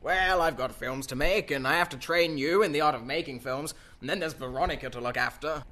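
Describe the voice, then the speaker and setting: A man playing a pompous old gentleman in a comic radio drama, speaking in exclamatory, old-fashioned phrases. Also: fairly high pitch, fairly quick. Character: blustering old English gentleman filmmaker and uncle.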